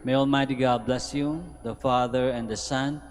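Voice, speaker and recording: A man recites liturgical prayers in a measured, solemn cadence at an ordinary middle pitch. His voice rings through a large church, trailing a long cathedral echo. The prayers come steady and unhurried. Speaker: priest leading prayers.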